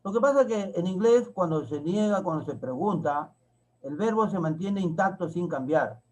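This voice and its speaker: A man's voice: high voice, expressive, darkish tone, low-quality recording. A man from Peru, teaching an English grammar lesson and repeating example sentences word by word. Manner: slow, repeats and spells out each word of examples.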